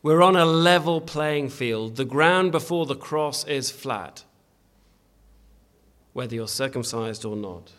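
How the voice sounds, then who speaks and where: A man's voice: mid-range voice, animated, slow pace, fairly bright tone. A man preaching a sermon in a church, earnest and emphatic, often restarting his phrases as he exhorts the congregation.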